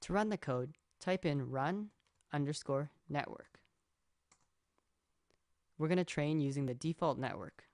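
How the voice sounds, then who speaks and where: A young man from Canada giving a steady, scripted narration that explains code as a student presenter. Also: on the high side, unhurried, pauses often, no echo, studio quality. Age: young adult.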